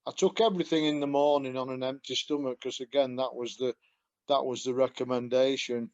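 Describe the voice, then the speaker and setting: A man's voice: mid-range voice, fairly even intonation, a little fast, darkish tone, dull audio. A man with a Yorkshire accent on a video call, telling his story in a rambling, self-deprecating way with frequent chuckles. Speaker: guest giving a testimonial. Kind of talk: casual video call chat.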